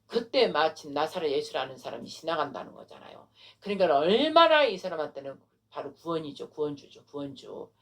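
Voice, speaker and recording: Animated low-voiced woman pastor preaching. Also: fairly quick, few pauses. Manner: animated storytelling with rhetorical questions. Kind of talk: sermon.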